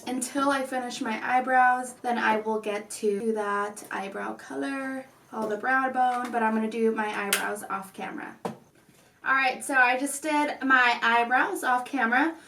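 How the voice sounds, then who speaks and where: A woman's voice: a little high, a little slow, sharp tone, a little hiss or hum. A woman hosting a casual makeup tutorial, speaking with slightly odd, constrained articulation. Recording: echoey room, distant mic.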